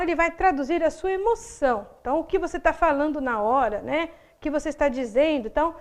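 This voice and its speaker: Brazilian woman, very high voice, patient teacher walking through grammar points. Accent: Brazilian Portuguese. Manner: explanatory, frequent tag questions. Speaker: Portuguese teacher. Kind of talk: recorded video lesson.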